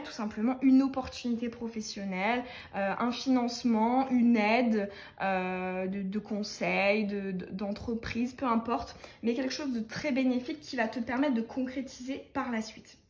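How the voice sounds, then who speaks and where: A young woman with a high voice reads tarot cards in a loose, chatty way. She talks fast and hesitates a lot, filling the gaps with little fillers and restarting her phrases. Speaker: tarot reader. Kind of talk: casual tarot reading.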